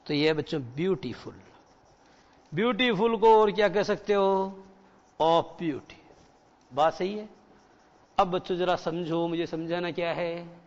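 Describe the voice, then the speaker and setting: A man's voice: high voice, unhurried, long pauses, in a large hall, highs cut off. A male teacher giving a grammar lesson in a mix of Hindi and English, repeating key words and asking the class questions.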